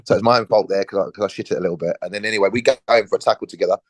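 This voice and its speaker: Man, 40s, podcast guest, rapid storytelling, acts out quotes, dry studio sound. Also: lowish voice, dry recording. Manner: lively storyteller, acts out quoted dialogue, frequent restarts. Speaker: podcast guest, former professional footballer. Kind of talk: relaxed anecdotal storytelling.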